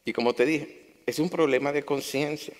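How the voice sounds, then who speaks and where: Speaking at a moderate pace with a fairly high, steady tone, a male preacher addresses his congregation with passion, hammering home phrases through repetition. The church hall gives his words a long, lingering reverb.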